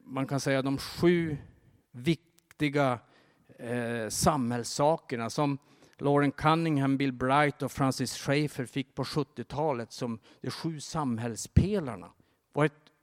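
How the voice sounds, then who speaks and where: A man preaches a sermon, telling a story and urging listeners to pray, his exhortations rising emphatic and higher in pitch. The recording carries the long reverb of a large hall.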